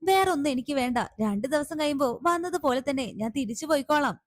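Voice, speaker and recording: A patient young woman in a retold family drama, as a woman narrator plays her, speaking in a calm, gently firm tone. Her voice is high and dry, recorded close. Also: brisk, no room sound. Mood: pleading. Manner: calm, gently reasoning and pleading. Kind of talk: serial recap with acted dialogue.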